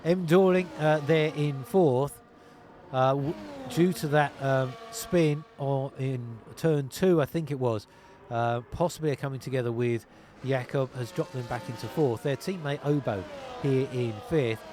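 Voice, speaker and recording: A man calling an online sim racing league race, narrating positions, tyres and penalties in steady play-by-play over a headset. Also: medium pitch, measured pace, a little hiss or hum. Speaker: lead commentator.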